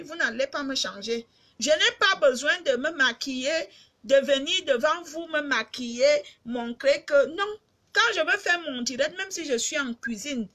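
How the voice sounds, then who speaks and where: A woman's voice: high-pitched, bright, forceful tone. Emphatic Cameroonian woman on a live stream. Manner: emphatic, repetitive, addresses fans directly. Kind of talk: casual live-stream chat.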